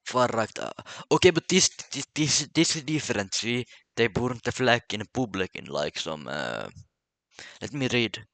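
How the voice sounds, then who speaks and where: A Finnish man, Finnish his first language and his accent Finnish, vlogs solo to camera in a casual way, stammering and repeating words. His voice is medium-pitched, expressive and a bit bright, at a measured pace, recorded dry.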